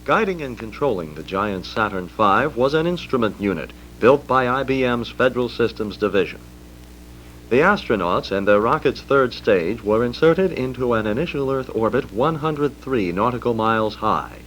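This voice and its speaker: A man with an American accent reading scripted historical narration as a documentary narrator, formal and measured. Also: medium pitch. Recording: dull vintage record with hum.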